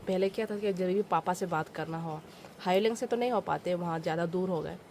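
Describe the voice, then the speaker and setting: A young woman from Arunachal Pradesh, India, with a Northeast Indian accent, casually explains village life to viewers in simple terms. Her voice is on the low side, slightly fast and a little mellow, with a faint hiss or hum.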